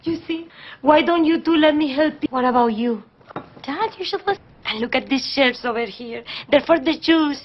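A fiery, outspoken wife and mother, played by a woman with a high voice. She scolds and protests with great drama and emphasis. The sitcom audio sounds dull and lo-fi. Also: normal speed, a little hiss or hum, lightly acted. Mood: bossy. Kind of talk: sitcom acting.

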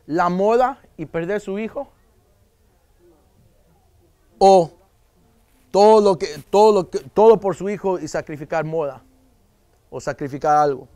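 A man speaks to a room of parents as a police officer, his voice sitting high and light. He jokes and slips into quoted voices of children and mothers. The sound is close and dry. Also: darkish tone, no echo. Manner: joking, acts out parents and kids in quoted voices. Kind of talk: live lecture to an audience.

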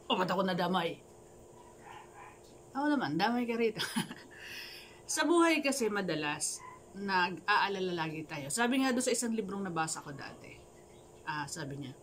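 A woman telling a parable in a casual vlog with playful jokes and asides. Her voice sits at a middle pitch and swings between soft and loud. A faint hum of room noise sits behind her. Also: rough recording. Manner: playful, joking asides and laughter. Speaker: storyteller vlogger. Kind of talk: casual storytelling with a life lesson.

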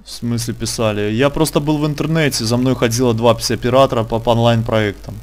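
A man's voice: medium pitch, steady tone, fairly quick. A man hosting a casual online interview, talking colloquially and insistently, repeating phrases for emphasis. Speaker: interviewer and channel host.

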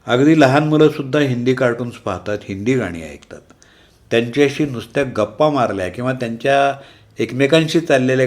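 A man with a Marathi accent reading an essay aloud in a measured, wry listing manner. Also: medium pitch. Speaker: reader of an essay. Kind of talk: read-aloud essay narration.

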